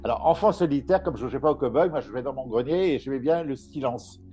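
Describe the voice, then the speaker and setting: A man's voice: mid-range voice, fast talker, mellow. A middle-aged man, a medium, telling stories from his life in a casual interview, laughing often and restarting his sentences. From Paris. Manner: chatty storyteller, laughs often, many restarts. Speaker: medium and author, interview guest.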